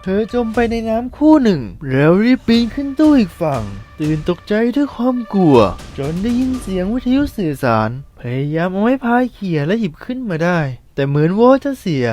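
A man narrating a recap of a horror film in a fast, vivid storytelling manner. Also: sits high, big pitch swings, warm tone, soft background music.

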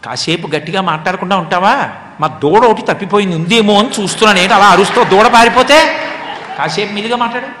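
A mischievous little boy caught with his hand in the butter pot, talking his way out with sly, coaxing retorts, as a male preacher puts him on. The voice rides high and bright, with a long echo trailing through a large hall. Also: quick pace. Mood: hushing.

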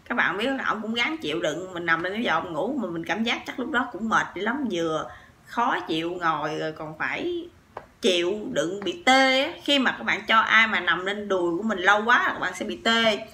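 A woman with a Southern Vietnamese accent tells a long personal story to her channel. Her voice is bright and forward, and she talks in a chatty, animated way, piling up fillers and turning to her viewers again and again. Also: medium pitch, normal speed, a little hiss or hum. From Sóc Trăng, southern Vietnam. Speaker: vlogger.

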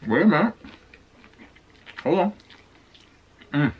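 A man's voice: a little high, very animated, slow, husky. A man in a casual eating vlog, chewing with his mouth full and humming over his food in a laid-back, slangy way. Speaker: mukbang vlogger. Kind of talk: casual chat while eating. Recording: dull lo-fi sound.

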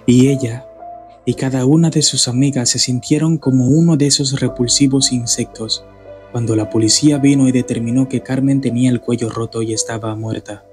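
A man from the Dominican Republic reading a scripted horror story in a measured, grave manner. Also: mid-range voice, steady tone, a little mellow. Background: faint background music.

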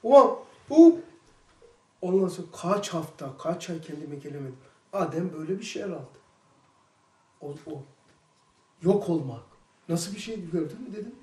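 A man's voice: high voice, moderate pace, pauses often. Religious study teacher, man, emphatic storyteller; roomy, distant recording. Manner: animated storytelling, emphatic outbursts. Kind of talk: religious lesson talk. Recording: echoey room, mic far off.

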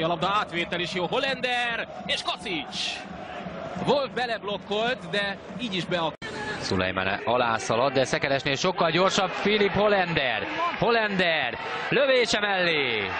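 A man commentating live on a football match as the play develops. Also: sits high. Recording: broadcast under very loud crowd noise. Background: loud stadium crowd.

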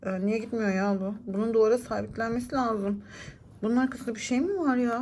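A woman's voice: fairly high pitch, a little fast, darkish tone, a little hiss or hum, lightly acted. A woman voicing a chatty, suspicious mother in a children's doll-play story, mildly scolding. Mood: puzzled, grumbling.

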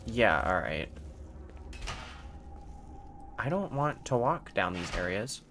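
Male horror game streamer, young, scared and jumpy, very lively intonation, sarcastic and sweary, game noise in the background. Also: on the low side, moderate pace. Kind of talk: horror game playthrough commentary. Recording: faint-to-clear game noise behind voice. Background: horror game ambience.

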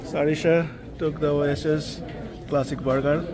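On the high side and flat in delivery, this man's voice moves a little slowly while a crowd murmurs behind him. He's a travel vlogger filming a casual food vlog handheld, walking through restaurants and streets indoors and outdoors and praising the food in simple, friendly terms. Audio from the handheld camera is noisy.

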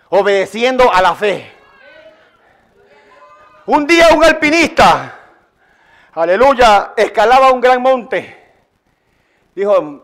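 A man's voice: high-pitched, fairly bright tone. A man preaching a Sunday sermon in church, emphatic and repetitive, calling on the congregation to respond. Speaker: pastor. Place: church service. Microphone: live-streamed sermon.

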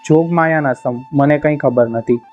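A man's voice: fairly high pitch, moderate pace, lightly acted. A man voicing a poor old woman bard who pleads humbly, told within a storybook reading. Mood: pleading. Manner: pleading, imploring. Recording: slightly muffled, soft music behind.

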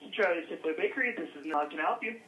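A man's voice: high-pitched, lively intonation, racing, lo-fi sound. A male store employee in casual customer-service talk, heard over a speakerphone. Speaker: store employee answering phone. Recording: speakerphone in echoey room, faint noise.

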